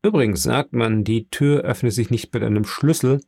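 A man reading as a guarded, gravelly sailor. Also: mid-range voice, normal speed, dark tone, no echo, studio quality. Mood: confiding. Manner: respectful, addresses his listener formally. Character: adult male sailor, guarded and evasive.

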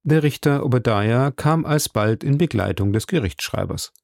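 A man narrating a classic novel as an audiobook in slow, steady storytelling. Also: medium pitch, gravelly, no room sound, studio quality.

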